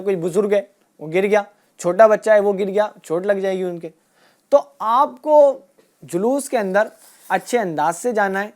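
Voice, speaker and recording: عورت بچوں کا سبق، سوال پوچھ کر جواب دہراتی ہے، مائیک بچوں میں گھومتا ہے. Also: female voice, medium pitch, a little mellow. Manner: asks a question, then repeats the answer back. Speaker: children's religious teacher. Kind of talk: teaching children with call-and-response questions. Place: room with children and a passed microphone.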